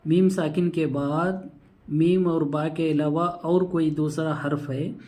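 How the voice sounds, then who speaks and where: A man teaching Quranic reading, spelling syllables out slowly and then explaining each rule in quicker plain speech. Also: fairly high pitch, fairly even intonation, warm tone.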